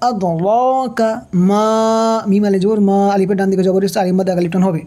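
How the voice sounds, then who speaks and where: A woman's voice: medium pitch, flat delivery, racing, mellow. A woman teaching Quran reading, patiently spelling out each syllable and asking questions as she goes. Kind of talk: slow spelled-out recitation lesson.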